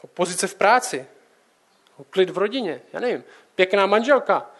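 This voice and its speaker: Young guy with a high voice doing a chill sermon, keeps asking the listener questions. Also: expressive, a bit bright. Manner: conversational, direct address with rhetorical questions. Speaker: preacher.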